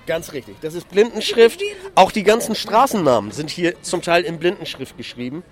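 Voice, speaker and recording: A man's voice: high voice, moderate pace, music in the background. Cheerful middle-aged man giving a city tour. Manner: cheerful, proud, lively explaining. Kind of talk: explaining to a group of kids. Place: outdoors on a city market square.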